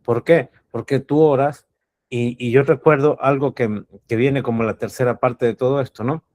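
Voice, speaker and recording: A man's voice: medium pitch, fairly even intonation, moderate pace, darkish tone. A man from Cuba, giving a reflective spiritual teaching talk as a coach. He speaks earnestly, repeats his key words and asks rhetorical questions.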